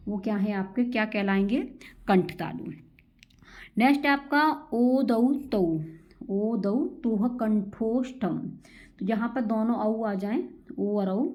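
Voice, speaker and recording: A woman tutor teaching Sanskrit grammar for exams, asking quick quiz questions and chanting rules slowly. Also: mid-range voice, highs cut off. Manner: repeats key answers as quick quiz questions to students. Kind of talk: exam-prep grammar lesson.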